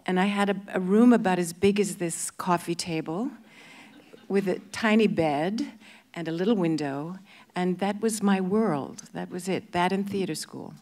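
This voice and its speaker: Woman, 50s, low-pitched, hesitant with restarts, handheld mic, festival stage interview. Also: normal speed, darkish tone. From born in England, grew up in Canada. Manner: hesitant, many restarts and fillers. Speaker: guest actress. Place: large festival stage before an audience.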